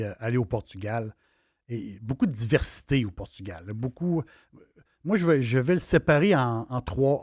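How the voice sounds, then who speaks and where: A man with a Quebec French accent gives a chatty, enthusiastic travel talk at a middle pitch, tripping over and restarting his words as he goes. His voice is recorded close and dry, with almost no room sound around it. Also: dry recording. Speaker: travel host.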